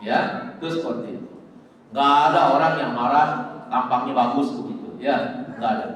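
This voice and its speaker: A man's voice: mid-range voice, normal speed, fairly bright tone. A man preaching, quoting Arabic and joking as he acts out angry speech. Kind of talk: mosque sermon with Arabic quotations. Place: mosque hall. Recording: echoey hall, distant mic, faint noise.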